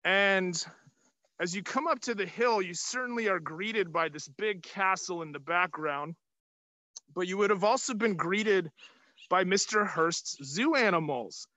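A man's voice: sits high, unhurried, bright, forceful tone, no echo. A man in his thirties speaking up through a surgical face mask as an upbeat tour guide, hosting a live outdoor tour for children and putting questions to them. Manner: projecting, upbeat, asking the audience questions. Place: outdoors on an open hilltop terrace. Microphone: phone or camera at arm's length, video call.

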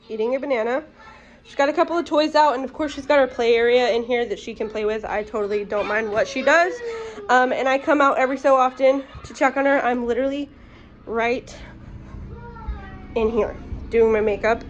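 A woman in her twenties, a stay-at-home mom, chatting casually and rambling a little while filming herself at home. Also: on the high side. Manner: chatty, rambling, with fillers and restarts. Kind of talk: casual get-ready-with-me vlog. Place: home, by a small guest bathroom. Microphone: phone held at arm's length. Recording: home vlog with faint fan noise. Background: air conditioner hum.

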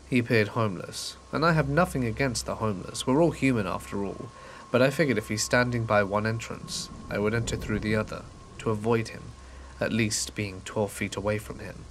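Low-voiced man calmly telling a horror story. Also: a little hiss or hum. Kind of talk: scripted narration.

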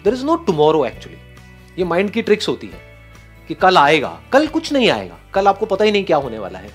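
A man giving an animated, encouraging motivational talk to an audience, often laughing. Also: high-pitched, fairly quick, soft background music. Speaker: speaker on stage.

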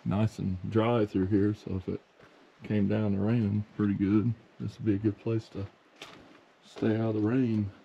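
A man's voice: lowish voice, little pitch movement, normal speed, creaky, mellow, highs cut off, a little hiss or hum. A man narrating a hike outdoors in a forest in a laid-back, casual way, chuckling often. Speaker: hiking vlogger. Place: outdoors in a forest among boulders.

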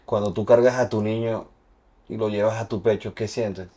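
A man's voice: fairly low pitch, fairly even intonation, normal speed, mellow. A man interviewing a singer, asking probing personal questions and pressing with follow-ups. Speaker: interviewer, channel host.

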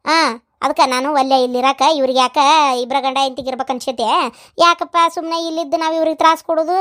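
A cackling-high, rapid old village woman from a comedy cartoon, scolding her family with a North Karnataka accent, as a woman puts her on. She talks in quick, piping bursts and keeps complaining that nobody values her. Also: steady tone, fairly bright tone. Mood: grumbling. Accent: North Karnataka Kannada. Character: grumbling self-pitying old village woman.

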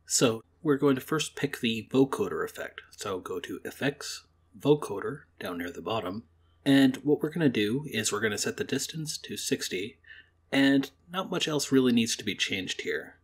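Recorded indoors in his home's kitchen-living room, this young male library program host gives a friendly software tutorial, explaining audio editing one step at a time. His mid-range voice is expressive with a breathy edge, and he talks at normal speed.

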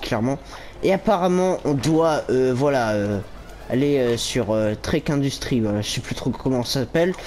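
A man's voice: a little high, darkish tone, a little hiss or hum. A young man giving casual let's-play commentary, rambling with lots of fillers and little laughs. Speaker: gaming YouTuber.

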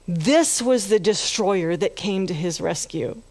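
A woman's voice: medium pitch, expressive, slow, a little mellow, no echo. A woman pastor preaching a sermon, retelling a story and building to fervent emphasis. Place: church.

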